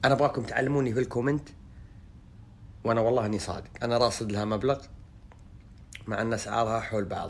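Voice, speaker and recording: A man with a Gulf Bedouin Arabic accent, chatting casually to his followers as a vlogger in a colloquial, jokey storytelling way. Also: on the low side. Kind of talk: casual vlog chat to followers.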